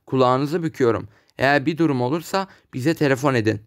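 A man reading aloud, voicing a matter-of-fact visiting official who reports news and gives a quiet warning. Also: mid-range voice, fast talker, close to an everyday voice. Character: male police visitor, measured and warning.

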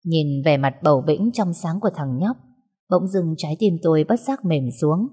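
A woman narrating a first-person story in a steady, reflective way. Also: low-pitched, moderate pace, husky.

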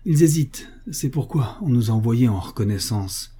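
A man voicing an eager Alsatian soldier prisoner, speaking brisk and urgent in an audiobook reading, with a dark, husky voice. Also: medium pitch, lively intonation.

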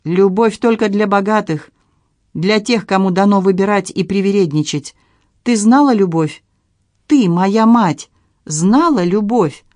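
A woman's voice: mid-range voice, animated, measured pace, mellow, no room sound, studio quality, natural voice. A woman voicing an anguished young married woman, a tearful daughter pleading with her mother. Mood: bitter.

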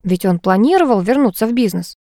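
A woman's voice: mid-range voice, animated, fairly quick, mellow, no room sound, studio quality, close to an everyday voice. A woman voicing a bossy, playfully teasing young woman friend in an audiobook. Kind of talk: audiobook character reading.

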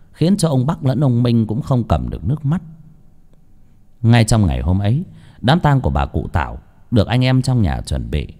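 A man narrating an audio story in an expressive storytelling manner. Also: on the low side.

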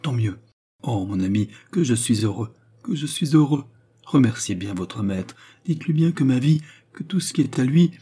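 A man's voice: lowish voice, measured pace, mellow, slightly rough. A man reading an audiobook voices an anxious, overjoyed young father who talks breathlessly and gushingly. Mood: excited.

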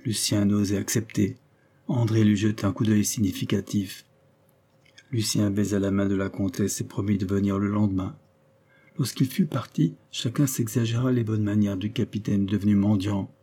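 Low, husky male storyteller. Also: steady tone, moderate pace. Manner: voices characters with shifts in pitch and loudness. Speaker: narrator. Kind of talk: audiobook reading of a classic story.

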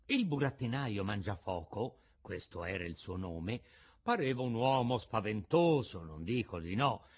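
A man's voice: mid-range voice, slightly rough. Theatrical man reading a classic tale. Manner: expressive, theatrical storytelling. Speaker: narrator.

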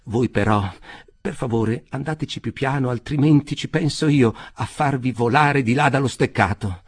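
A man voicing a frail, fawning old man who pleads in a high, agitated voice, in a storybook reading. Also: expressive, normal speed. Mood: indignant.

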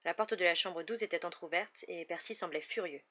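A woman narrating a novel as an audiobook in a steady storytelling voice. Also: lowish voice, fairly quick. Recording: slightly dull lo-fi recording.

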